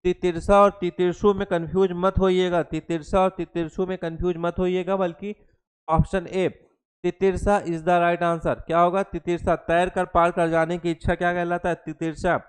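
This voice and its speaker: A man's voice: high-pitched, flat delivery, normal speed, clear, resonant tone. A young man teaching an exam-prep Hindi class, who mixes English terms into his Hindi, repeats each definition and quizzes the class with questions. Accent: Hindi with English terms mixed in.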